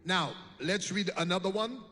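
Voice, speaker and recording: A man preaching a sermon, leading his congregation through a slow, deliberate reading while an interpreter translates his lines. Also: sits high. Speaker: bishop preaching. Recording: reverberant hall.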